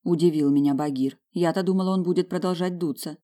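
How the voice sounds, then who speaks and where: A woman narrating a first-person audiobook, expressive and lively in the dialogue. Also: on the low side, quick pace.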